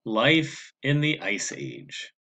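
A man voicing a level-headed, bookish young boy in a storybook reading, practical and steady. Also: mid-range voice, extremely slow, vocal fry, breathy edge, heavily acted.

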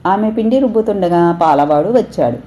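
A woman storyteller reading an audio story aloud in a steady, expressive way. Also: mid-range voice, brisk, a little hiss or hum.

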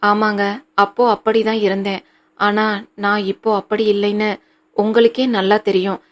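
A woman reads aloud the part of a tearful young wife, pleading and earnest, keeping the words on a narrow, even pitch. Her storybook voice stays controlled and level, natural in sound and moderate in pace.

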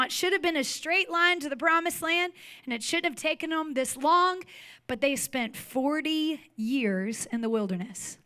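A woman's voice: high-pitched, a bit bright. A woman pastor preaching a sermon in a church, telling a story expressively and acting out the scenes. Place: church sanctuary.

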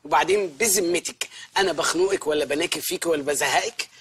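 An actor playing a joking, jobless husband in a film comedy, with an Egyptian Arabic accent and a playful, mock-apologetic way of talking. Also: male voice, fairly high pitch, fast, a bit bright, breathy edge.

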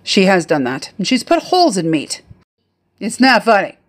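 A middle-aged woman from the American Midwest, a retired professional chef, chats through a home cooking video into a phone held close in her kitchen. Her medium-pitched voice moves at a moderate pace, animated and instructive, with a little hiss or hum on the recording.

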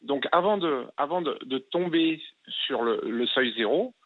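Male restaurateur caller, defensive and halting, dry thin phone sound. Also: medium pitch, lively intonation, no echo. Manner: halting, repeats words, defends himself firmly. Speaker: restaurant owner. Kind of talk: phone-in interview on talk radio. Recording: tinny phone line.

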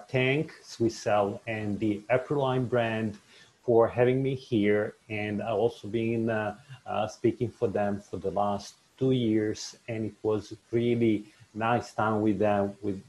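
A man in his forties from Serbia, speaking English with a Serbian accent, gives a webinar lecture to fellow doctors over a video call from a small home office, unhurried and full of filler sounds and restarts. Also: lowish voice, a little mellow. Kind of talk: online lecture to colleagues. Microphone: video call, webcam.

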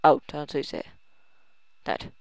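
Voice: a little slow, no room sound. A gamer giving casual commentary while playing, rambling and thinking aloud, often trailing off mid-sentence. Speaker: let's play gamer.

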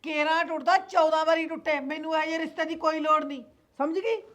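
A woman's voice: high-pitched, fairly even intonation, fast talker, fairly bright tone. Woman playing a scolding Punjabi mother-in-law. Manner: scolding, sarcastic. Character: sharp-tongued mother-in-law demanding dowry. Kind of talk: acted family drama.

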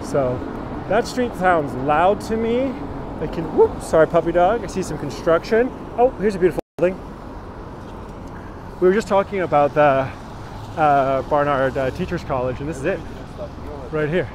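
A man in his thirties hosts a live-streamed walking tour along a city street, greeting viewers by name. His voice is fairly high, he talks at a normal speed, and he pauses often. Traffic sounds reach the phone he holds at arm's length while walking.

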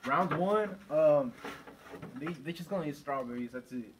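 A young man runs a game for his friends in slangy, casual talk. His voice sits high and moves around freely, captured outdoors on a noisy recording. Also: lively intonation, normal speed. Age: teenager or young adult. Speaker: host of a challenge game. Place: outdoor backyard table at night. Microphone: camera a few meters away.

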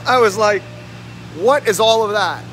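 High-voiced man vlogging in a noisy factory. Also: unhurried. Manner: energetic, talks straight to viewers, asks them questions. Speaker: lean manufacturing consultant. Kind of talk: walking factory-tour vlog. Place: large indoor factory warehouse. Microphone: phone held at arm's length, selfie framing.

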